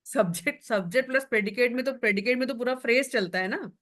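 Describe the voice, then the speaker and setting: A woman tutor teaching English grammar in Hindi in an online class, reading English example sentences slowly and often asking whether it is clear. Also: a little high, a bit bright. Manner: checks in with students often.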